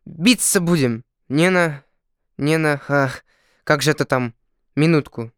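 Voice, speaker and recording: A man's voice: a little high, a little slow, fairly bright tone, smooth, dry recording, clean studio sound. A man voicing a nervous, earnest peasant potter in a storybook reading, who sometimes stammers and gets flustered.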